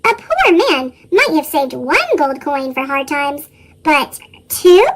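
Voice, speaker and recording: A storybook narrator whose voice is run through a sped-up chipmunk effect, reading a tale aloud with lively chuckles in the dialogue. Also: slow, noisy background. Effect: sped-up, pitched-up chipmunk voice.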